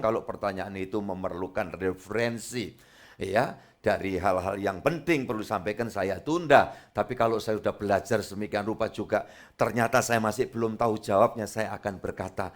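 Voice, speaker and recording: A man, a pastor preaching a sermon in a church in a loose, conversational way, with sudden loud, high bursts. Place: church sanctuary.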